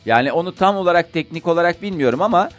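A man co-hosting a casual morning radio show, talking through the news with many drawn-out fillers. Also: high-pitched, animated, soft background music.

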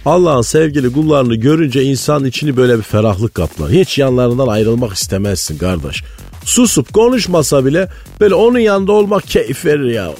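In a comic radio character monologue, a man plays a pious, conspiracy-minded provincial economy guru with a Malatya accent from eastern Anatolian Turkish. He's genial, folksy, and earnest, rambling through anecdotes. His medium-pitched voice is expressive, brisk, and a little mellow, recorded in a studio over background music.

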